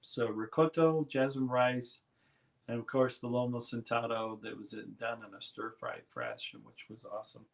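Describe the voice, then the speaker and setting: A man hosting a casual live stream, chatting in a relaxed, rambling way and reading viewers' comments aloud. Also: medium pitch, moderate pace, creaky.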